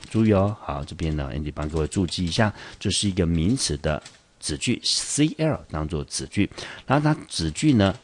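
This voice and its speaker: A man with a Taiwanese Mandarin accent teaches English vocabulary in a very low, husky voice. He breaks the word down patiently, stopping often to ask his students questions. He speaks like a school teacher recording a video lesson. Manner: explains step by step, asks the class questions.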